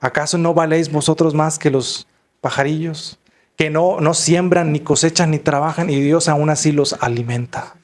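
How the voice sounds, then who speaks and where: A man's voice: fairly high pitch, fairly even intonation, moderate pace. A man preaching a sermon in an earnest, conversational way. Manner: conversational, earnest, repeats "hermanos" and "¿verdad?".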